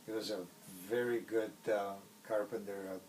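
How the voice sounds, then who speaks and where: A middle-aged man from Poland with a Polish accent, a native Polish speaker, recalling his past in a casual interview in a halting way with many pauses. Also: lowish voice, little pitch movement, a little mellow, distant mic, a little hiss or hum, poor audio. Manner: halting, pausing often mid-phrase.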